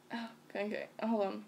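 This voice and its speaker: A woman's voice: medium pitch, slight background noise. A woman hosting a casual chat, bubbly and giggly, who also reads a scary story aloud. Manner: bubbly and giggly, bursts into excited squeals. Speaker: channel host.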